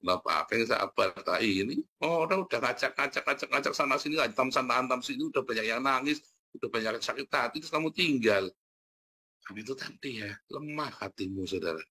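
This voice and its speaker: Bright-voiced man preaching a lively sermon. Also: medium pitch, fairly quick, breathy edge. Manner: animated, laughing, talks to the congregation as "saudara". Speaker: pastor.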